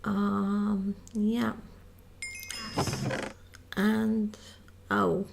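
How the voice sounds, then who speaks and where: Tired gamer woman, really creaky gravelly voice, rambly chatty let's-play talk. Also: medium pitch, little pitch movement, extremely slow, background noise. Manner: chatty, self-mocking, rambling with fillers. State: tired, yawning. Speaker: Minecraft modpack let's-player. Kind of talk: casual gameplay commentary.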